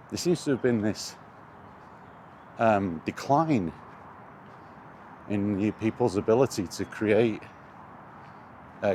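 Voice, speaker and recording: A video game vlogger rambles casually about his hobby, hesitant and conversational with a wryly exasperated edge. His voice sits on the low side with a darkish tone, and clear outdoor background noise runs behind him.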